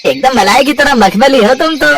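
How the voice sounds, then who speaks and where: A woman's voice: sits high, normal speed, creaky, recorded from a distance, noisy background. A woman putting on a leering male milkman. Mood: leering sly.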